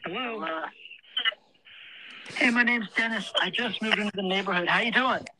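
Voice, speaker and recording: A man's voice: sits high, normal speed, background noise, natural voice. A man voicing a friendly, lonely new neighbor in a prank phone call, polite and overly familiar.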